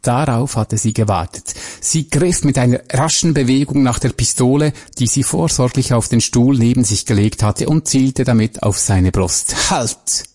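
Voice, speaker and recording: A man narrates a crime story at a measured, even pace. His voice is dark and mellow, with a husky edge. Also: medium pitch.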